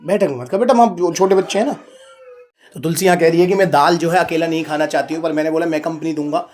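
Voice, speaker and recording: A man's voice: on the high side, fast, a little mellow. A man filming a casual family vlog indoors at home, talking playfully and teasing as he chats to the viewers. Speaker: father and vlogger. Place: indoors at home, in front of a heater.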